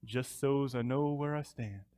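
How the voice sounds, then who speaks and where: A man voicing a blunt older rural mountain man who talks slowly and tersely. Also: medium pitch, mellow, smooth, dry recording, studio quality, voice pushed down, lightly acted. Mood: deadpan.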